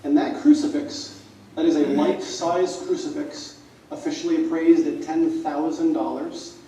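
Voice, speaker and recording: A man's voice: a little high, a little hiss or hum. A man speaking as conference organizer, telling stories at a conference and acting out the dialogue in them. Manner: animated storyteller, acting out quoted dialogue. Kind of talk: conference talk with storytelling. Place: conference hall. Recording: echoey hall, voice from far off.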